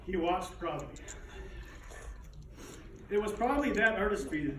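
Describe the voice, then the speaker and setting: A man's voice: high voice, animated, measured pace. A man delivers a prepared eulogy as a son, with dignified, restrained grief and wry, fond humor. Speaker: son giving a eulogy for his father. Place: echoey room, speaking to a gathering. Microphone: distant microphone. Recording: echoey, distant, noisy room recording.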